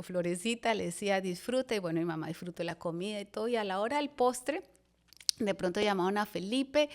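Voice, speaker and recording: Lively woman telling her story. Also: mid-range voice. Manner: lively storyteller who voices her mother and fiancé in quotes. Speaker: pastor. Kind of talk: personal testimony on a podcast.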